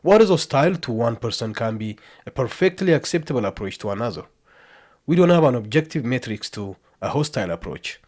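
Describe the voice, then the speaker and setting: A man narrating commentary over a debate clip in a measured, lecturing way. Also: medium pitch, very animated, darkish tone. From outside the US. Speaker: reaction commentator.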